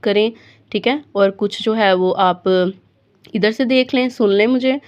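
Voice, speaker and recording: A woman in the middle of a recitation lesson, with a voice of ordinary pitch and a slow, unhurried delivery. She moves between quick explanation and drawn-out recitation, often pausing to check that her students are following. The recording is dull and lo-fi. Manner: keeps asking "okay?" to check on pupils. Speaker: Quran recitation teacher.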